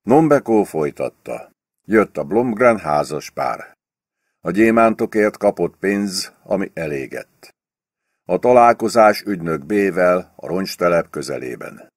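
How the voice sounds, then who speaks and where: A man reading a novel aloud as an audiobook in a steady, expressive way. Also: sits low, no room sound, clean studio sound. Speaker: audiobook reader. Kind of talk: audiobook narration.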